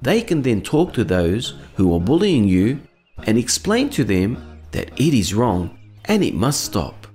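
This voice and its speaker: A man's voice: mid-range voice, big pitch swings, unhurried, darkish tone, soft background music. A man voicing a kind, wise cartoon friend who guides children in an earnest, encouraging, instructive way. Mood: earnest teaching. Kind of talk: children's educational cartoon acting.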